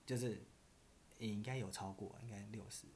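A man's voice: fairly low pitch, steady tone, moderate pace, darkish tone. A man with a Taiwanese Mandarin accent, a podcast host telling a story in casual chat. He rambles, restarts his sentences and laughs at his own tale.

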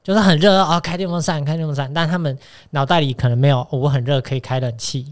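A woman guest in a casual chat podcast, speaking in a relaxed, matter-of-fact way. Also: low voice, fast talker.

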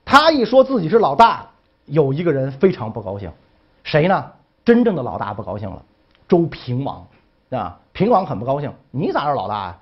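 A man's voice: on the high side, wildly swooping pitch, moderate pace, breathy edge, dull audio. A man telling history in a folksy, jokey way with many asides. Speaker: history storyteller. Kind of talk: casual storytelling.

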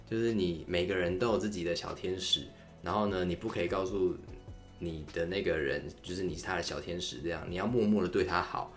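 A man's voice: low-pitched, a bit bright. A young man, hosting a podcast and telling a story in a candid, rambling, chatty way. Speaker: podcast host. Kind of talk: casual solo storytelling.

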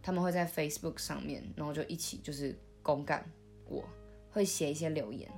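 A young woman, recalling her past in a soft, halting way, with many restarts, as she hosts a podcast. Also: deep voice, soft background music. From Taiwan. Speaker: podcast host. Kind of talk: intimate conversational storytelling.

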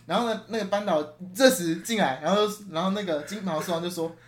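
Fast-talking young man telling a story. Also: high-pitched. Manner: rambling storyteller, many restarts, laughing through the story. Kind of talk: casual chat.

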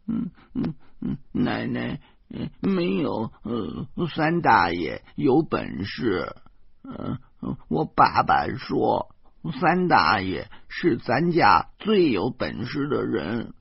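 A man voicing a sulky, tearful little boy in an audiobook, whining and halting with hums and sobs. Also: medium pitch, huge pitch swings, vocal fry, slightly rough, dry recording, voice pushed up, full character voice. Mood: pleading. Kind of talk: audiobook character voice. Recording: dull lo-fi audio.

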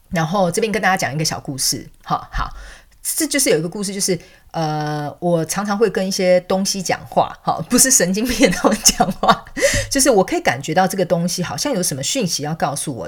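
A woman with a voice tells a story to her viewers. Her voice sits fairly low and she talks quickly, chatty and animated, with lots of fillers and asides. She sounds like a counselor who reads angel cards. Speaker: angel card reader and counselor. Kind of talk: casual storytelling monologue.

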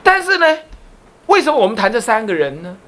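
A man with a Taiwanese Mandarin accent leads a Buddhist lesson in a high, bouncing voice that rises and falls widely. He keeps quizzing his listeners and slips in teasing asides. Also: huge pitch swings, fairly quick, fairly bright tone. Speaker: Buddhist abbot teaching a class. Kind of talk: lively Buddhist lecture.

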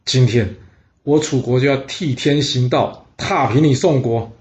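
A man's voice: mid-range voice, unhurried, darkish tone, natural voice. A man voicing a smug, cunning ancient king with a mocking, self-satisfied manner, in a storytelling reading on a dull lo-fi recording. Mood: accusing.

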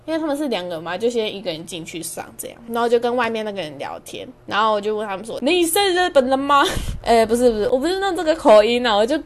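A woman's voice: a little high, expressive, rapid-fire, hardly any pauses. A young woman, hosting a podcast and telling a story in a chatty, self-amused way. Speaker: podcast host. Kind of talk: casual storytelling monologue.

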